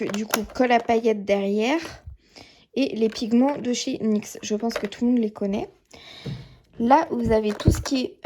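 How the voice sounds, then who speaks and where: Her voice is a little high with a warm tone as she vlogs casually from her home dressing table. The beauty vlogger shows her things chattily, with frequent fillers and "voilà", filmed close on a camera or phone with slight background noise.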